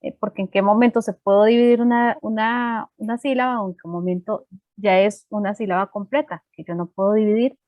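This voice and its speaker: A woman's voice: mid-range voice, fairly even intonation, fairly quick, no room sound, muffled recording. A woman teacher giving a lesson on a video call, explaining step by step with frequent fillers. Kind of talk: online class lesson. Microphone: computer microphone on a video call.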